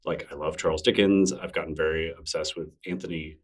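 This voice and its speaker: A middle-aged man with a rumbling low voice speaks fairly quickly as a podcast interview guest, captured from a distance. He's relaxed and rambling, poking fun at himself and restarting his sentences often.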